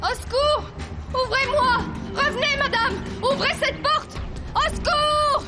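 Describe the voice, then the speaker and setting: A very high-voiced young heroine. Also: female voice, fairly even intonation, takes it slowly, loud music behind the voice. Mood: panicked. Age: young adult. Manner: pleading, desperate. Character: young woman, frightened captive heroine. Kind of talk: dubbed telenovela acting.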